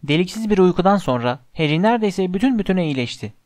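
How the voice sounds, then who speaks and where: A man narrating an audiobook in measured, scripted storytelling. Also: sits high, expressive, darkish tone, no room sound, clean studio sound.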